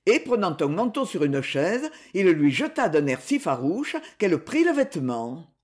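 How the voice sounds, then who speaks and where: An audiobook narrator reading a dark literary novel. The delivery is steady but expressive, with a mid-range voice that moves freely in pitch. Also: moderate pace.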